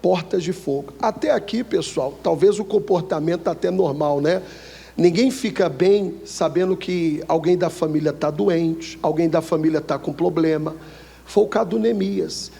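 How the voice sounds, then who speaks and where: A male Brazilian pastor preaching a sermon, often pausing to let the congregation finish his sentences, reading scripture slowly and with emphasis. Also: high voice, vocal fry, warm tone, breathy edge. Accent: Brazilian Portuguese. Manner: call-and-response questions to the congregation. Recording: echoey hall with long reverb.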